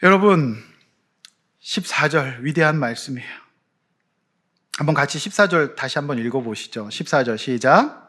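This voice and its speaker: Man, pastor, sermon, animated, swelling to loud peaks, high-ish voice. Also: normal speed, long pauses.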